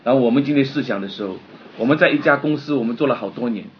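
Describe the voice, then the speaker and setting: A man preaching a sermon, impassioned and confessional, swinging between loud outbursts and quiet, subdued stretches. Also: mid-range voice, rapid-fire, highs cut off, a little hiss or hum. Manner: personal and confessional, retelling his own despair.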